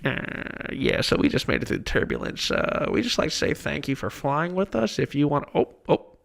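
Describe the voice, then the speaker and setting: A man impersonating an airline pilot making a cabin announcement over the loudspeaker, distracted and halting, full of uhs. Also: on the high side, big pitch swings, vocal fry. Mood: drawling.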